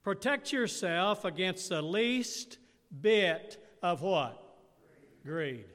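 A man's voice: high-pitched, very animated, drawn-out words, fairly bright tone, long reverb tail. A man preaching a conversational sermon who keeps turning questions back to his listeners. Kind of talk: interactive sermon.

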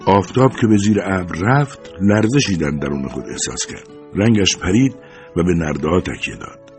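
A man reading a novel aloud as an audiobook narrator, in steady, measured scripted narration. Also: sits low, faint music behind.

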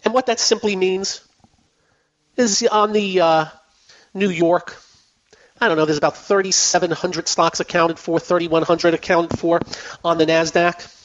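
High-pitched but unhurried, with fairly even intonation, a man hosts a finance radio show and talks markets in a relaxed, repetitive way peppered with fillers. He is losing his voice, and the broadcast audio is dull and lo-fi.

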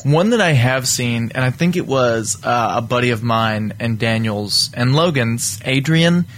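Man, podcast host, excitable, teasing, middle pitch, light background hiss. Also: a little slow. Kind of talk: casual chat.

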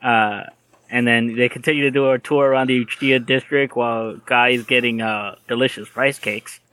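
A young man recaps a show on a podcast, often restarting his sentences and swearing bluntly. His voice sits at an ordinary pitch. The recording is dry and close. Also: steady tone, moderate pace, sharp tone, dry recording. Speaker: podcast co-host. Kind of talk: casual anime recap chat.

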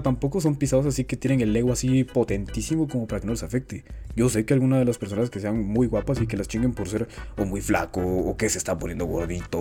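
A man with a Guatemalan accent speaks in a mellow, dark-toned voice at a middle pitch. He co-hosts a casual podcast with laid-back, slangy, profane banter. Faint music sits in the background. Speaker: podcast co-host.

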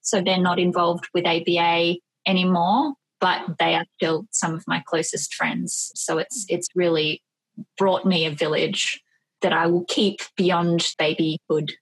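A woman's voice: on the low side, level tone, measured pace, breathy edge, rough recording. A woman, speaking sincerely in an interview chat.

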